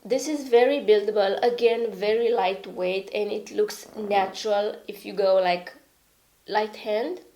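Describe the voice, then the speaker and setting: A woman vlogger reviews makeup casually, sounding stuffy and raspy from a cold. Her mid-range voice is unhurried with fairly even intonation, chatty, rambling and self-deprecating with frequent "okay?" asides, in a rough recording with a little hiss or hum.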